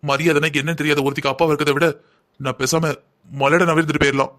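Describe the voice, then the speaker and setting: A stern, disappointed middle-aged cartoon father who lectures his daughter at length, as a man voices him. He talks fast in a slightly high voice. His tone is bitter and reproachful. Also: level tone, fairly bright tone, close to an everyday voice. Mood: scolding. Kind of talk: Tamil cartoon voice acting.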